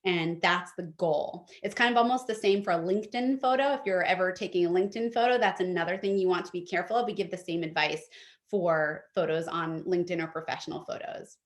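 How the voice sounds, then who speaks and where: A woman's voice: lowish voice, a little fast. A young woman presenting an online etiquette workshop from her home office, friendly and practical, with plenty of fillers.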